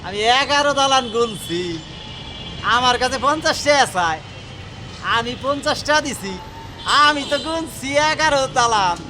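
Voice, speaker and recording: Man playing a gloating, high-pitched village simpleton, jackpot-winner glee. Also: lively intonation, moderate pace. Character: naive village man newly arrived in the big city, simple, gullible. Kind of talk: comic short drama acting. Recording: noisy outdoor city street with traffic.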